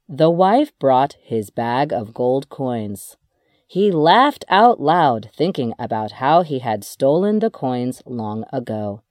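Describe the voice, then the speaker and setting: A children's storyteller reads unhurriedly, and the voice rises and falls widely. The sound is close and dry, with no echo around it. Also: mid-range voice. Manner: slow, expressive read-aloud.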